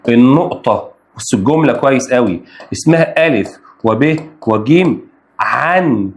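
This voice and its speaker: A man with an Egyptian Arabic accent teaching a math lesson for exam prep, addressing students directly and repeating key points. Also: on the high side. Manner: animated, talks straight to students, repeats key phrases.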